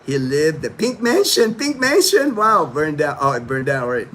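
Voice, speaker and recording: A man's voice: a little high, very animated, normal speed, fairly bright tone, slight background noise. Rambling, chatty man hosting a livestream. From Philippines (Manila). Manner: rambling, chatty, full of fillers and restarts, replying to viewers' comments. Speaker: livestream host. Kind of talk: casual livestream chat.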